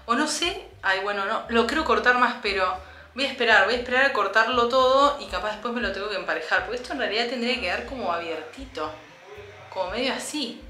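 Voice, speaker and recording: A young woman with an Argentine accent, chatting casually as she cuts her own hair at home, a bit hoarse from a cough, self-mocking and thinking aloud. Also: a little high, expressive, quick pace, pushed and bright, echoey room, soft background music. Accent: Argentine Spanish. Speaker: beauty vlogger. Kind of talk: casual vlog chat. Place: home bathroom.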